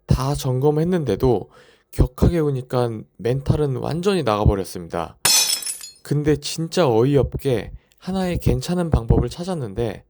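A young man with a dark, mellow voice narrates a parenting vlog as a new father. He speaks in a reflective, personal storytelling style. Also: medium pitch, lively intonation, moderate pace, a little hiss or hum.

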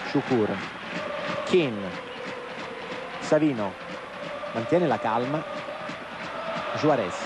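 A man doing live play-by-play football commentary, calling player names in short, halting phrases. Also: medium pitch, a loud crowd. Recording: noisy outdoor stadium broadcast.

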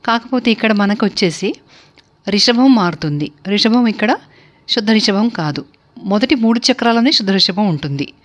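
Woman, music theory teacher, from India, steady explanatory lecture, lists terms one by one. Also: mid-range voice, moderate pace. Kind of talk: spoken lecture.

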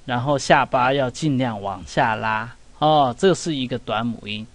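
A middle-aged man teaches pronunciation in a loose, conversational way. His pitch sits in the middle for a man. He fills the lesson with little check-ins like "see?" and "right?". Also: moderate pace, no room sound. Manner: chatty, with many "哈" and "有没有" asides. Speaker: English teacher. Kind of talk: casual classroom lesson.

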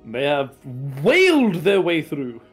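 Animated high-voiced male esports commentator. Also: slow, breathy edge, faint music behind. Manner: excitable, joking, rambling explanations. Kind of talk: live fighting-game commentary.

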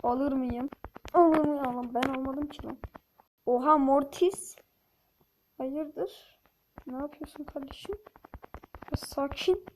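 A woman giving casual, playful gameplay commentary to her viewers, excitable and chatty. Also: sits high, takes it slowly, long pauses, slight background noise. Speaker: gaming channel host.

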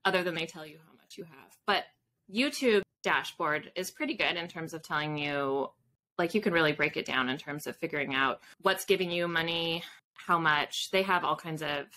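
Her voice sits on the low side yet sounds bright and forceful as she chats informally and explains things as an interview guest. She's an author in her thirties, calling in by video from a small home room with bookshelves, and faint background noise can be heard.

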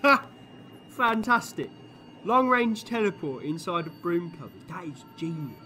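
Man playing the Doctor, excitable time-travelling alien, swooping voice. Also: high-pitched, faint music behind, heavily acted. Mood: excited. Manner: theatrical, whimsical, quick to exclaim. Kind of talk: fan audio drama acting.

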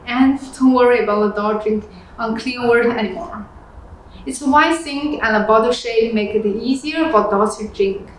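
A young woman presenting products, reading a review script in plain, steady phrasing. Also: fairly high pitch, a little hiss or hum. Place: small room indoors. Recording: very echoey room with background music.

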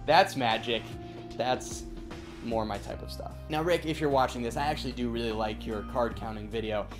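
A man's voice: mid-range voice, moderate pace, over music. A man in his twenties hosting a casual web news show in a rambling, joking way. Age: 20s. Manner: rambling, jokey. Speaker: show host. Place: indoors, facing camera, music behind.

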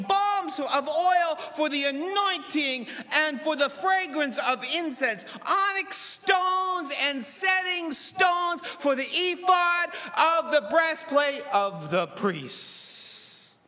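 A middle-aged man preaching a sermon from a church pulpit, acting out dialogue with dramatic swings between loud and soft. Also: extremely high pitch, slow pace. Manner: dramatic, voices God and Moses in lively asides. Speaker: pastor. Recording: long church reverb.

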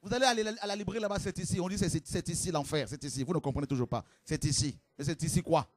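Man, fiery preacher, sermon, shouted exclamations, rhetorical questions, rather high voice, dry sound. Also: rapid-fire, no echo.

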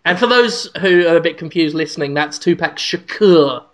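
A man's voice: fairly high pitch, animated, normal speed, a bit bright. A man hosting a podcast, sardonic and swearing casually in comedic chat. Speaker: podcast host.

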